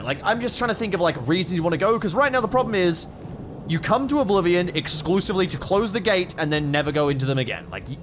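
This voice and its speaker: A man's voice: fairly high pitch, noisy background. A man giving casual, sweary gameplay commentary as a streamer, rambling through his opinions. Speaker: video game streamer.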